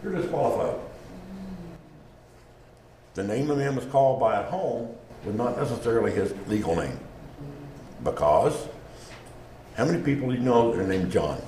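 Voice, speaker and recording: A man's voice: medium pitch, expressive, normal speed, warm tone. A man giving an informal lecture, conversational and acting out small exchanges as he explains. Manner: conversational, acts out little dialogues. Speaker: speaker on genealogy and naming. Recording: roomy echo, faint background noise.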